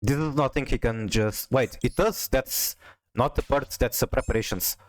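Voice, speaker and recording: Animated man. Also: medium pitch, normal speed. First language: Portuguese. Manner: animated, disbelieving outbursts with swearing and laughter. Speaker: streamer. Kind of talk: casual livestream card game commentary.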